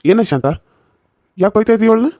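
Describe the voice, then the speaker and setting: A stern cartoon father-in-law, voiced by a man, talks fast in a dark, mellow voice. He sounds gruff and dismissive. The recording is dry. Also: sits high, expressive, dry recording, pitched above the performer's own voice. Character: stern older father-in-law siding with his wife. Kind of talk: cartoon serial voice acting.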